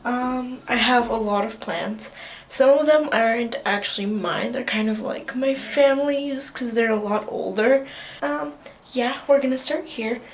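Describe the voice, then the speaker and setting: A teenage vlogger with a slight Armenian Russian accent, originally from southern California, chats casually and with plenty of fillers during an indoor plant tour of her apartment room and bathroom. Her voice is a little high and a little slow.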